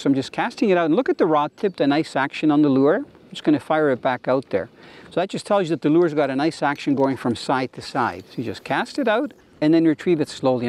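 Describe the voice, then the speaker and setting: Higher-voiced Canadian man hosting outdoor fishing. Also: darkish tone. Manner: enthusiastic, explanatory. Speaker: fishing show host. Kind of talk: casual on-camera fishing commentary. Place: outdoors in a kayak on a lake.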